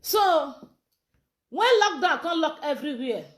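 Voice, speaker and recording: A woman's voice: high-pitched, animated, measured pace. A woman with a Nigerian accent, a political campaign organizer, talking in a live social media monologue in a heated, insistent way. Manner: heated and insistent, repeating demands to be heard.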